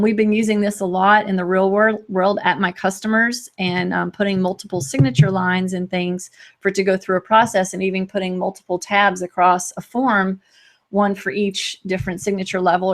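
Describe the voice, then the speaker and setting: Fast-talking, chatty woman demo host. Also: medium pitch. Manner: fast, chatty, restarts sentences often; laughs lightly between points. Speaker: host demonstrating software. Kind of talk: live screen-share software walkthrough.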